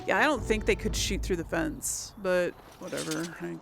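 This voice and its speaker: She's a let's play host giving relaxed live commentary, talking both to herself and to the characters on screen. Her voice is fairly low and creaky, at a normal speed. Game music plays underneath, and there's heavy background noise.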